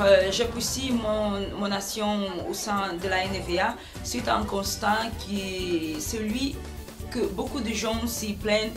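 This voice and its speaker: A woman from Belgium answering interview questions as a political candidate, in a measured way with frequent hesitations. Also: medium pitch. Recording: background music throughout.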